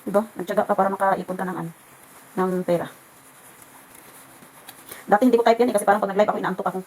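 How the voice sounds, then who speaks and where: A woman's voice: mid-range voice, fairly even intonation, very fast, a little mellow, poor audio. A woman vlogger chatting to her viewers while ironing at home, in a rambling, ranting way. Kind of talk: casual chat.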